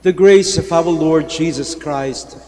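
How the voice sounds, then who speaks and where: A man, a priest, leading Mass prayers in a measured, solemn way, his voice carried through a microphone in a large church. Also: on the high side, a little mellow. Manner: measured, solemn liturgical delivery. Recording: reverberant church hall, faint noise.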